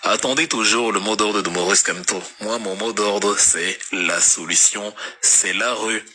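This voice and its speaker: Emphatic Cameroonian man, lower voice, bright tone. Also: unhurried, breathy edge. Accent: Cameroonian French, light. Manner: emphatic, repetitive, stammering restarts. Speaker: political commentator on a livestream. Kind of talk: impassioned political monologue reacting to viewer comments.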